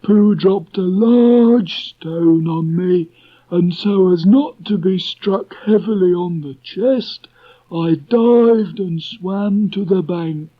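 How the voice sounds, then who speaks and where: A man's voice: high-pitched, pitched above the performer's own voice. A man voicing a gloomy old grey donkey who drags out his complaining words. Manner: slow, drawn-out, sulky complaining. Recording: dull lo-fi recording.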